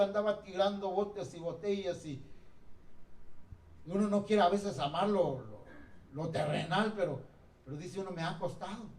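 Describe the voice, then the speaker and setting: Animated pastor, high voice, echoey hall. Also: male voice, distant mic. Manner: animated, acts out quotes and jokes. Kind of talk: sermon. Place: church hall.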